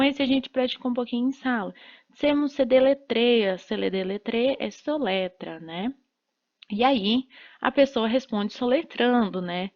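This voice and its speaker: A woman's voice: fairly high pitch, gravelly, lo-fi sound. A woman teacher giving a recorded lesson, explaining step by step and often checking in with short tag questions. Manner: explains slowly, checks in with "né?" and "certo?".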